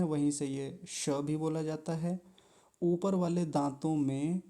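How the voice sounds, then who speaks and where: A man hosting his own channel, teaching careful pronunciation in a deliberate way and repeating each word syllable by syllable. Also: fairly high pitch, dark tone. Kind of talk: pronunciation lesson.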